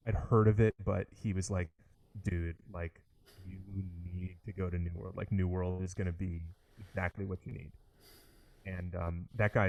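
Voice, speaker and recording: In a relaxed interview conversation, a young orchestral trombonist talks with eager energy, peppering his speech with "like" and frequently starting over. His voice sits low with a darkish tone, and the recording is dry.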